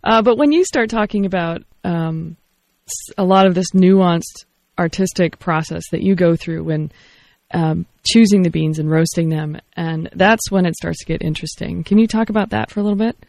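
A radio host with a gravelly, creaky voice asks questions in a hesitant way. The recording is close and dry. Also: medium pitch, moderate pace, a little mellow, dry recording. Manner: hesitant, laughs often. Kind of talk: radio interview.

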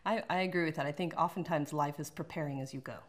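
A woman's voice: low-pitched, fast talker, a crowd in the background. A woman hosting a casual interview, encouraging her guest and laughing along. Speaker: interview host.

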